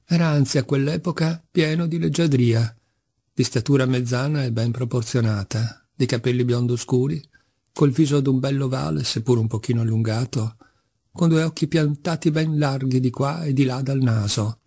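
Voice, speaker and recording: A male audiobook narrator with a mellow, husky voice. He reads the literary text in a measured, deliberate way. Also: medium pitch. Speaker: audiobook reader.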